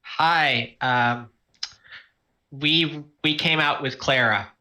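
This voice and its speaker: A man playing a tabletop game, speaking quietly and wryly. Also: fairly high pitch, drawn-out words. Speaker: player. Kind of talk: casual tabletop play.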